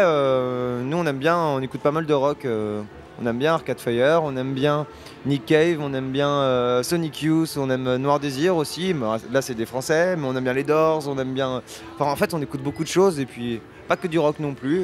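Speaking at a moderate pace in a medium pitch, this thirties-aged band singer and lyricist stumbles through interview answers, restarting often. Faint music plays behind him in the festival radio booth, where a sponsor backdrop hangs. He speaks into a handheld radio mic held by the host.

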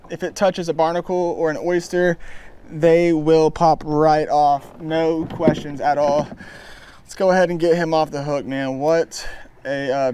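Out on open water beneath a bridge, a young man fishes from a kayak and narrates excitedly, his slightly high voice picked up by action cameras on his chest and a pole, with a little hiss or hum. His casual vlog commentary is chatty, full of "man" and "guys."

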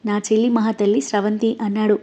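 A woman's voice: medium pitch, little pitch movement, fast, warm tone, close to an everyday voice. A woman reading the lines of a playful, teasing young man in a story. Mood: cheerful. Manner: playful, coaxing. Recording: dull lo-fi audio.

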